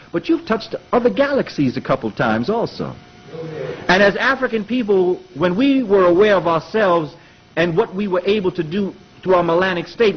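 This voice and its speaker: A man with a very husky, raspy voice pitched a little high gives an emphatic lecture. He drives his points home with rhetorical turns aimed straight at the audience. The recording sounds dull and lo-fi. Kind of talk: lecture presentation.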